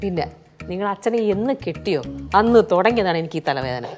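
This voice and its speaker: A woman's voice: on the low side, lively intonation, fairly quick, natural voice. An actress playing a weary, exasperated middle-aged mother trying to keep the peace in a TV sitcom. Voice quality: scolding, exasperated. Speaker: mother of the family. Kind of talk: TV sitcom acting. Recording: TV sitcom with faint music.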